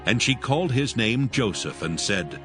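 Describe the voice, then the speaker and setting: A man narrating scripture in a measured, solemn way. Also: mid-range voice, lively intonation, a bit bright. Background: background music.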